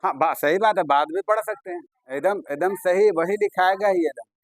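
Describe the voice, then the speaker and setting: A man's voice: sits high, moderate pace, dry recording. A man teaching an Urdu vocabulary class, chatty and coaxing, often praising his students. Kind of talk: classroom lesson.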